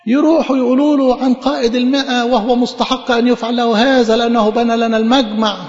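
High-voiced Egyptian preacher in an echoey hall. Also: male voice, level tone, quick pace, darkish tone, lo-fi sound, soft background music. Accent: Egyptian Arabic. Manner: emphatic, rhetorical questions, repeats words. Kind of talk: sermon.

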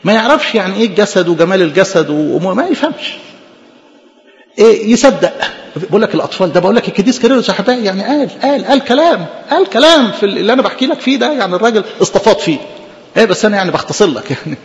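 Give me a rapid, high-pitched Egyptian preacher, lively and questioning, in a dull reverberant hall recording. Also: male voice. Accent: Egyptian Arabic. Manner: animated, conversational, rhetorical questions. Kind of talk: sermon.

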